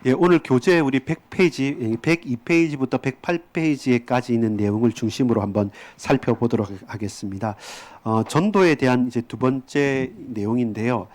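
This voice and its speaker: A male pastor giving a sermon, moving from prayer into a relaxed, explanatory teaching style with frequent fillers. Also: mid-range voice, normal speed, few pauses. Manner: explanatory, conversational preaching with fillers.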